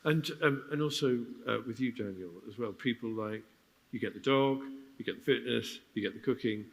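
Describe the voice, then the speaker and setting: A man acts as host of a live panel interview. His pitch is middling, and he talks in a casual, conversational style. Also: fairly quick, gravelly.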